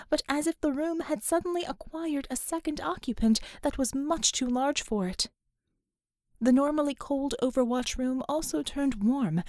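A woman reading a story aloud as an audiobook narrator, unhurried and expressive. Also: high-pitched, dry recording, studio quality. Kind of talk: scripted narration.

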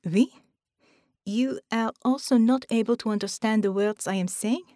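A woman's voice: fairly high pitch, normal speed, dark tone, no room sound, studio quality, voice pushed up, natural voice. A woman doing a haughty French pilot ghost.

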